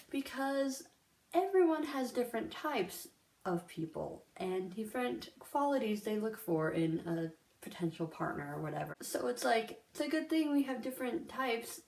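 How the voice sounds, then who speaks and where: A woman's voice: on the high side, a little mellow. A young woman talking casually and earnestly to camera, with lots of fillers. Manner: chatty, filler-heavy, earnest. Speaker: vlogger. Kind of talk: casual vlog monologue. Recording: echoey room.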